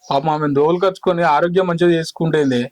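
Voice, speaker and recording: A man's voice: fairly high pitch, fairly even intonation, rapid-fire, no room sound, natural voice. An actor playing a village brother who urgently persuades his family, speaking in a Telangana Telugu accent. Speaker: younger brother and go-between. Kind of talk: village drama acting.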